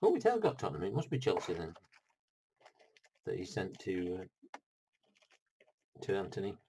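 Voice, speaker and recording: A man's voice: deep voice, wildly swooping pitch, moderate pace, mellow, slight background noise, rough recording. A middle-aged man, unboxing a board game in a rambling, chatty vlog full of asides. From United Kingdom.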